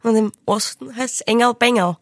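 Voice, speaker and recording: A young woman from Lower Austria with a regional accent and a slightly nasal, rough voice, co-hosting a casual chat podcast with deadpan, mock-stern teasing. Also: moderate pace, no echo, clean studio sound. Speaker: podcast co-host.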